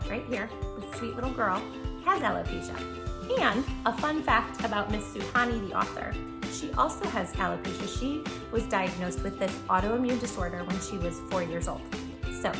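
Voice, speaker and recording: Reading expressively to young listeners, this storytime host speaks at a moderate pace with lively intonation in a mid-range voice. Her delivery is dramatic and directed at the children, with music behind her.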